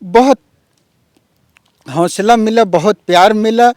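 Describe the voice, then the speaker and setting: A man's voice: sits high, slow, a little mellow, no room sound. A man telling his own story earnestly, often addressing the interviewer as sir. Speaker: interviewee, village YouTuber. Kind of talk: emotional personal account.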